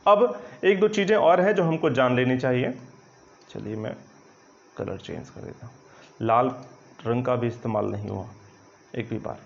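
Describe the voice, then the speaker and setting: A man's voice: mid-range voice, normal speed, vocal fry, long pauses. A male Hindi grammar teacher giving an online exam-prep lesson, explaining patiently and checking often that students follow. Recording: slightly dull lo-fi sound.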